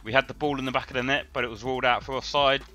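A man livestreaming a football video game, giving chatty, excited live commentary and reacting loudly to the play. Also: medium pitch, very fast. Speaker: gaming livestreamer. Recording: slightly dull stream audio with game music. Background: game music.

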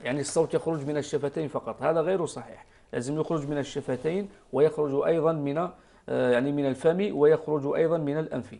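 Gravelly Algerian teacher explaining recitation. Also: male voice, a little high, fairly even intonation, quick pace, mellow. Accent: Algerian Arabic. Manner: patient, explanatory, demonstrates pronunciation. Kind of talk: live broadcast correcting listeners' recitations.

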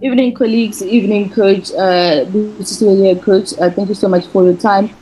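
A woman's voice: medium pitch, steady tone, a little fast, mellow, slight background noise, poor audio. A woman sports journalist putting a polite, orderly question at a press conference.

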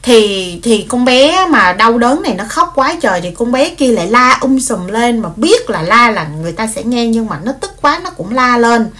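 A woman, retelling a story in casual speech, animated, with many fillers and repeated words. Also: fairly high pitch, moderate pace, few pauses.

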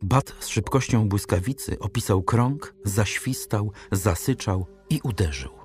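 Male audiobook narrator, lowish voice; steady, dramatic literary reading over soft music. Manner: measured, dramatic storytelling.

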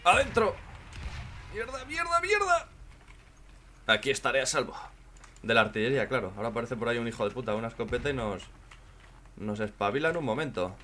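A man from with a hoarse voice, commenting on his own gameplay in casual chat, joking and swearing a lot. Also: mid-range voice, fast, slight background noise. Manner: swears a lot and jokes, shouts when in danger.

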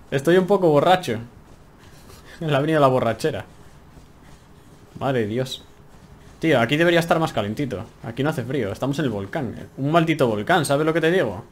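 A man's voice: mid-range voice, animated, fairly quick. A young man with a Spain Spanish accent giving chatty, exclaiming commentary as he plays a game from home. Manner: chatty, exclaiming, talks to himself while playing. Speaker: gameplay streamer. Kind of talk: casual let's-play commentary.

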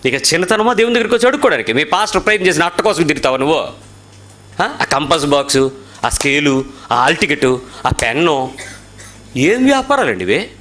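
A man with a Telugu accent preaching a sermon, firing rhetorical questions and swinging from loud outbursts to low asides. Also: animated, fast, pauses often.

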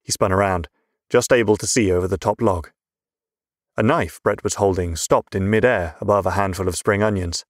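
A male narrator reads a fantasy novel in a very deep, measured voice. The recording is close and dry, with no room sound at all. His telling stays steady and even. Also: no room sound. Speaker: audiobook narrator. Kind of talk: scripted narration.

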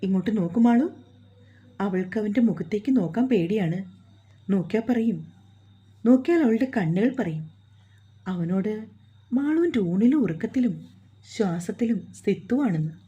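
A woman reading a dramatic short story aloud in a calm, measured way. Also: mid-range voice, dull audio.

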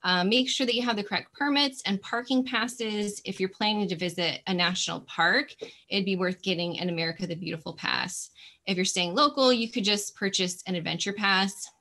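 Bright-voiced woman giving webinar tips. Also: medium pitch, normal speed. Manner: friendly, encouraging, frequent ums. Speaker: nature volunteer coordinator. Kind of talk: webinar presentation.

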